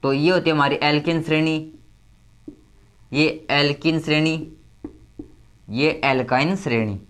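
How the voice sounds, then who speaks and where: A male tutor explains chemistry step by step in a slightly high voice. He repeats his key terms and slows down to count items aloud one by one. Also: steady tone, fairly bright tone, smooth.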